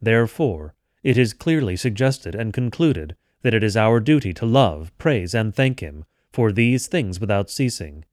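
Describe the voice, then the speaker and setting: A man with a fairly low voice reads scripture and catechism aloud for a daily devotional. He keeps a measured, even delivery, and the recording is close and dry with no room sound. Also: dry recording. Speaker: devotional reader. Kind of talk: liturgical scripture reading.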